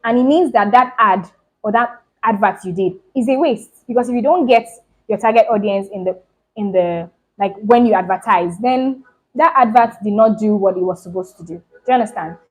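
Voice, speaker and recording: Talking to camera, a fashion business channel host gives a casual lesson on running a clothing business. She speaks quickly at a medium pitch, goes over points again, and keeps asking "do you understand?", all in a low-quality recording.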